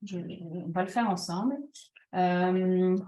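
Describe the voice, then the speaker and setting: A woman's voice: lowish voice, slow pace, mellow. Hesitant French woman coaching on emotions. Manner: hesitant, many restarts and fillers; addresses audience directly, checks understanding. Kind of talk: conference talk, personal examples.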